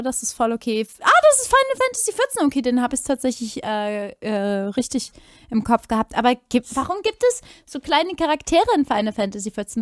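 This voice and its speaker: A woman streamer reacting to clips live, chatty and excitable, dropping in English exclamations. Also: a little high, no echo, studio quality.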